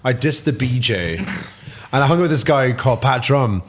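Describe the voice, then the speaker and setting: A man with a Northern Irish accent, a podcast guest telling stories in casual chat, animated, swearing freely and laughing often. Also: medium pitch, normal speed, slight background noise. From Northern Ireland.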